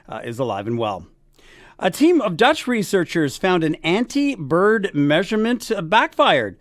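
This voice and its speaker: A man's voice: high-pitched, no room sound. A man hosting a morning radio show, reading odd news stories with wry, chatty asides into a studio mic.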